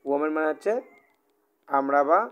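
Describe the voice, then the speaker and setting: A man's voice: a little high, little pitch movement, normal speed, smooth, muffled recording. A man with a Bangladeshi Bengali accent teaching Chinese in a live online class, patient, repeating and rephrasing himself with many "ah" fillers. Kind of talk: live online language class, oral exam.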